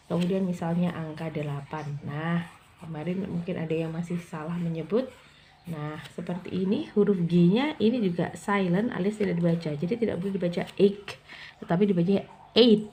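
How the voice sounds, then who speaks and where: Patient woman teaching English, mellow tone. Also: on the low side, a little hiss or hum. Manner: patient, repeats words slowly for drilling. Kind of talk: casual classroom explanation.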